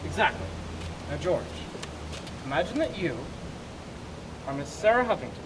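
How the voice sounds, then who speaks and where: A man playing a vain, wealthy young gentleman suitor in a stage comedy, speaking in a pompous, self-satisfied way. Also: high-pitched, very animated, normal speed. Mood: smug. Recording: noisy stage recording, distant microphone.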